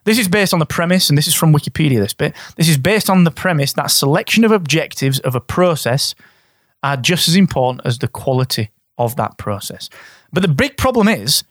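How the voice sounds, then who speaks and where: A man from Barnsley hosts his podcast in a brisk, straight-talking, chatty manner. His voice sits a little high for a man. It comes across close and dry, with no room sound at all. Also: expressive, fairly bright tone, no echo. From Barnsley, England. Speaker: podcast host. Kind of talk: solo business podcast.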